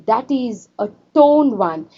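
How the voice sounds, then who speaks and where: An English teacher explains a story to her students in a classroom lesson, repeating herself and asking them questions. Her voice is on the high side with lively intonation and a slow pace, though the recording is muffled.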